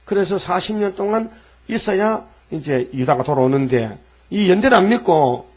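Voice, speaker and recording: A man's voice: high voice, animated, moderate pace, a little mellow. A man preaching a sermon in a colloquial style, asking the listeners rhetorical questions and acting out the voices in the scripture. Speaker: pastor.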